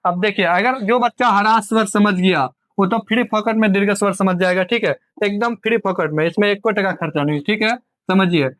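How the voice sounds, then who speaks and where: A man's voice: high voice, normal speed, hardly any pauses, fairly bright tone, dry recording. A man teaching a grammar lesson, who repeats points and asks and answers his own questions. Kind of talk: exam coaching lecture.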